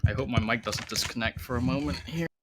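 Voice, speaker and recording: A man chatting casually on a live stream, relaxed and laughing often, speaking into a home desk mic. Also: mid-range voice, quick pace, noisy background. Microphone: home desk mic, moved away.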